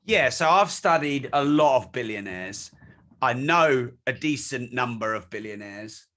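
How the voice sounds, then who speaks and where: A man's voice: mid-range voice, lively intonation, unhurried, bright, forceful tone. A man in his forties, a guest in an interview, talking bluntly and emphatically and swearing freely. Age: 40s. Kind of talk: candid conversational interview.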